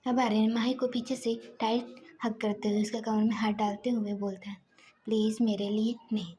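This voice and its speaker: Soft-spoken woman telling a story. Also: on the high side, flat delivery, fairly quick, a little hiss or hum. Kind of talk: casual story narration.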